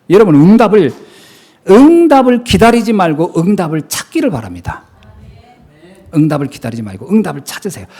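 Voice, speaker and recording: Animated high-pitched male pastor preaching. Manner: animated, storytelling with laughter and emphatic repetition. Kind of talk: sermon. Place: church sanctuary.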